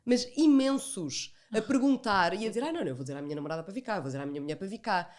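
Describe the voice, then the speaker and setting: A woman with a European Portuguese accent, an entrepreneur appearing as a podcast guest, tells stories in a chatty, animated way. Her mid-range voice is a little mellow, with lively intonation and a rapid-fire pace, and she acts out remembered dialogue and repeats phrases for emphasis.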